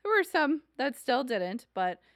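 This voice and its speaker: A woman's voice: high-pitched, big pitch swings, unhurried, fairly bright tone, dry recording, studio quality. A young adult woman co-hosting a casual podcast, earnest and laughing easily. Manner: earnest, reads aloud then laughs easily. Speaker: podcast co-host.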